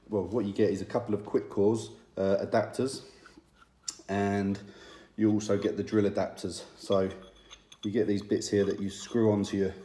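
A man's voice: fairly low pitch, warm tone, reverberant. A man in his thirties, a tradesman, giving a casual, plain-spoken review to camera with many ums, recorded on a phone in a small indoor room.

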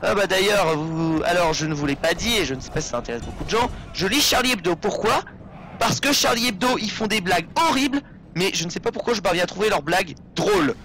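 A man's voice: sits high, lively intonation, fast, bright, forceful tone, slight background noise. A young man giving casual, rambling gameplay commentary, joking and swearing as he plays. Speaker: let's play commentator.

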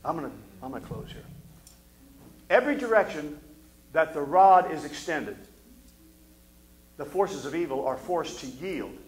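Older pastor preaching hard, kinda high voice, lots of amens, roomy church sound. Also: male voice, animated, unhurried, long pauses. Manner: fervent preaching, drops to low intense tones, frequent amens. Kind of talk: sermon. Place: church stage at a pulpit. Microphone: pulpit mic. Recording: echoey sanctuary.

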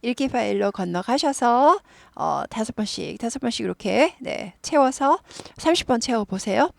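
Gravelly-voiced woman teaching English. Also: a little high, animated, dry recording. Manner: reads English lines slowly, then explains them in Korean. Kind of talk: explaining a dialogue in an English lesson.

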